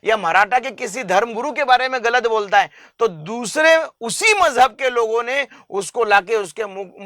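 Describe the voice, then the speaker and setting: A man's voice: high voice, pushed and bright, dry recording, clean studio sound. A man from India, an interview guest making an impassioned public appeal, earnest and emphatic, stacking up long lists of examples.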